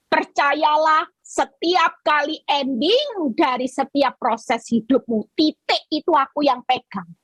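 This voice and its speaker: A woman's voice: high voice, no echo, rough recording. A middle-aged woman evangelist preaching an emphatic, fervent sermon over a video call.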